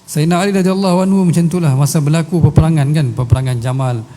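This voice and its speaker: Male Malaysian preacher, slightly high mellow voice, storytelling lecture in an echoing mosque hall. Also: fairly even intonation, rapid-fire. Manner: storytelling, quotes Arabic verses and asks rhetorical questions. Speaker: religious teacher. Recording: long hall reverb.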